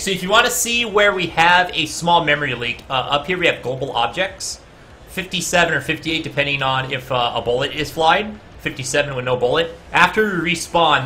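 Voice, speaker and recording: Bright-voiced man live-coding aloud. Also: fairly high pitch, a little hiss or hum. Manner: chatty, talks to viewers in chat between code explanations; guessing and reasoning out loud with frequent "uh". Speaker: game developer streaming his coding.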